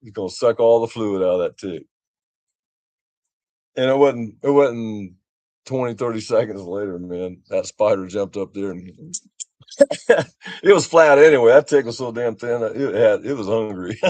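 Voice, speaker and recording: A man's voice: lowish voice, moderate pace, long pauses, darkish tone, no room sound. An older man, chatting casually on a livestream and telling rambling stories with chuckles. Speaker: vlogger.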